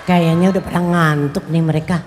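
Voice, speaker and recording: A woman's voice: low voice, fairly even intonation, fairly quick, long reverb tail, noisy background. An older woman singer chatting with her audience from a festival stage, teasing and laughing, with a live band behind her. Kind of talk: playful stage banter with the crowd. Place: concert stage at a music festival. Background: live band music.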